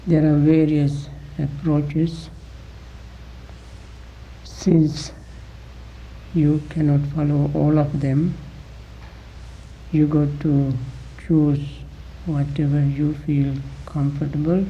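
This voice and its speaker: A male meditation teacher with a gravelly, slightly high, mellow voice guides listeners deliberately, using short phrases and long pauses. His tone stays level, and the dull recording carries a little hiss or hum.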